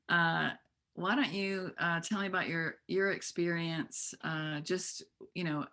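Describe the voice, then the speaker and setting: Woman festival organizer, low bright tone, calm and measured, panel chat. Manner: calm, measured, many restarts. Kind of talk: casual panel discussion. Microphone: video call.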